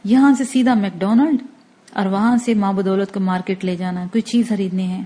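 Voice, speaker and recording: A woman's voice: medium pitch, steady tone, natural voice. A woman reading aloud and voicing a headstrong, mocking young female student in an audiobook. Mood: defiant. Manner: sharp-tongued, mocking.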